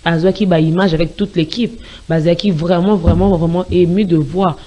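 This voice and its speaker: A woman with a Congolese accent, speaking as a spokesperson in an interview and making an emphatic, repetitive promotional pitch. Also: fairly even intonation, moderate pace, warm tone. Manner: emphatic and repetitive, mixing French and Lingala.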